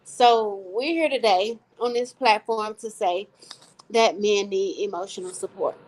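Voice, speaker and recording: A woman's voice: mid-range voice, measured pace, a little mellow, low-quality recording. A woman co-hosting a live online talk show, speaking earnestly and repeating phrases for emphasis. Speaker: co-host. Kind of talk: casual live-stream talk.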